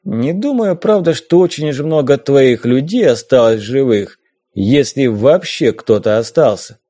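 A man voicing a gruff, commanding ghost pirate captain in an audiobook. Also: mid-range voice, expressive, warm tone. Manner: slow, commanding.

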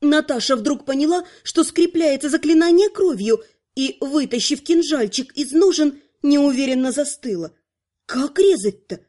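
A woman narrating a fantasy audiobook in an even, measured storytelling manner. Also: sits high.

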